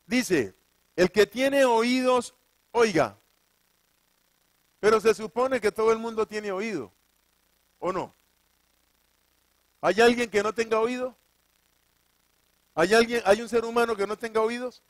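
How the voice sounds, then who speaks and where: A man with a notably high voice delivers a sermon, firing rhetorical questions at the congregation and answering them himself. He leans on repetition to drive each point home. The sound is close and dry, with almost no room echo. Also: unhurried, pauses often. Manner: repeats key phrases for emphasis. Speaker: preacher. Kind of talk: sermon with scripture reading.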